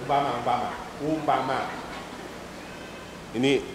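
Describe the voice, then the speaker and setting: This East Javanese-accented man speaks at a measured pace with fairly even intonation in a mid-range voice, and the audio is very noisy. He is giving an Islamic sermon in a mosque, posing rhetorical questions and pressing listeners to respond, all captured in an echoey hall.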